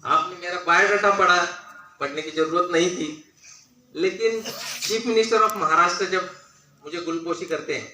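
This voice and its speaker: Bright older man speaking in an echoey hall. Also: sits high, normal speed, pauses often, far from the mic, a little hiss or hum. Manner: earnest, anecdotal, preachy. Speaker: guest speaker at a school function. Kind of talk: public speech.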